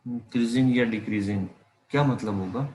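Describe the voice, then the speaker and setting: A man's voice: medium pitch, brisk, darkish tone, reverberant, slight background noise. A man teaching a math class online, often calling his students "beta" and checking whether they can hear him. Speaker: math lecturer.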